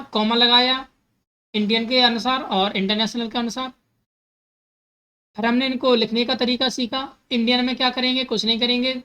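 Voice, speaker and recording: A woman's voice: on the high side, a bit bright, rough recording. A woman teaching a math lesson step by step, number words into her talk, repeating steps and asking herself questions as she goes.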